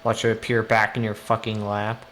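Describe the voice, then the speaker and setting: A man's voice: lowish voice, monotone, normal speed, a bit bright, a little hiss or hum. A man streaming a game live, reading its story text aloud and breaking off to react with swearing and laughs. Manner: reads narration then reacts with swearing and laughter.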